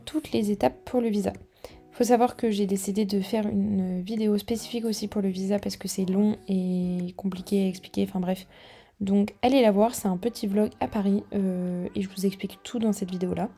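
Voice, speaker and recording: A woman's voice: medium pitch, mellow. A young woman vlogging in a casual, chatty way, rambling and poking fun at herself, recorded on a phone camera. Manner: chatty, self-deprecating, rambling. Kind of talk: casual vlog chat.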